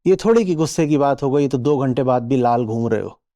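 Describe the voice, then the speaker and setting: A man's voice: medium pitch, animated, brisk, warm tone. A man teaching a live audience in a spiritual discourse, asking rhetorical questions and checking that listeners follow. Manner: acts out little quoted voices.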